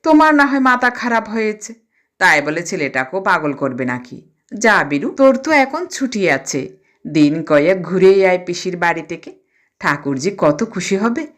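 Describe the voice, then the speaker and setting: A woman voicing a brisk, scolding mother in an audio storybook. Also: on the low side, big pitch swings, fairly bright tone.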